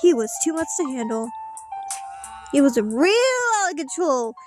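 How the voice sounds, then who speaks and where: Playing a story game, this woman streamer reads character lines aloud with theatrical flair, breaking off for casual comments. Her voice sits high and is expressive, delivered at a moderate pace. Music plays in the background.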